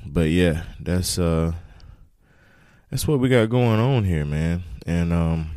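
A man hosting a casual solo podcast from a home studio, talking in an informal, animated and rambling way. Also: low-pitched, slow pace, clean tone, dry recording. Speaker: podcast host.

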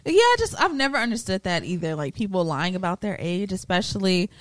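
A woman's voice: mid-range voice, a little fast, no echo. Chatty woman podcast host, dry sound. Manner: animated, chatty storyteller with frequent laughs and profanity. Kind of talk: casual chat.

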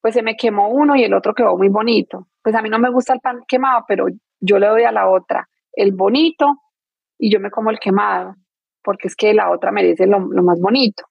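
A woman's voice: mid-range voice, fairly quick, gravelly, husky, no room sound, dull audio. A woman, a guest explaining emotional wounds through everyday examples, often restarting her sentences. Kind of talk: explanatory interview talk.

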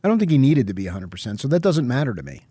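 A man's voice: medium pitch, big pitch swings, rapid-fire, mellow, breathy edge, no room sound, studio quality. An American man co-hosting sports talk radio, giving blunt, insistent opinions in a debate.

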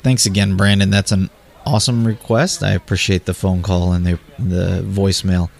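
Low-voiced male podcast host, slightly creaky. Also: flat delivery, normal speed, a little mellow. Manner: addresses the listener directly as a guide. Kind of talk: scripted podcast narration.

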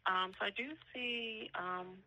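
A woman's voice: mid-range voice, steady tone, a little slow, sharp tone. A woman working as a call centre agent, handling a customer service call on the telephone. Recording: on a telephone line.

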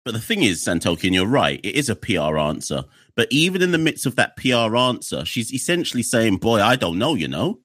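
Animated man chatting cricket. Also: on the low side, brisk, few pauses, dry recording, clean studio sound. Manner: animated, jokey, acts out quotes in a mocking voice. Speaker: podcast co-host. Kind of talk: casual cricket chat.

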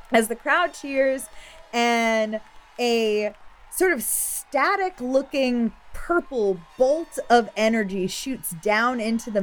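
A woman running a tabletop game as game master, improvising the narration. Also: medium pitch.

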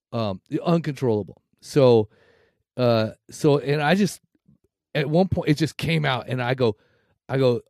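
A man co-hosting a podcast, telling stories in a casual chat full of swearing and animated retellings. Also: medium pitch, dry recording, studio quality. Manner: swears constantly, animated storytelling. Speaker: podcast co-host.

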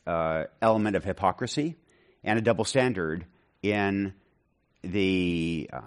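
Man author guest, lowish voice, measured and thoughtful with hesitant restarts. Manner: measured, with frequent ums and restarts. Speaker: author being interviewed. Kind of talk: thoughtful interview answers.

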